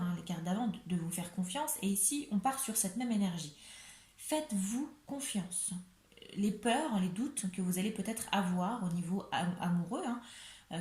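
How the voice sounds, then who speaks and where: A woman's voice: medium pitch, warm tone. Woman, French accent, tarot reading, chatty and reassuring, lots of fillers, echoey room. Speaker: tarot card reader. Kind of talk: casual tarot reading to camera.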